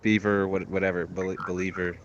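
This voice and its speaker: A man chatting casually in a deadpan, teasing way over a slightly noisy online voice chat. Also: sits low, fairly quick, lo-fi sound.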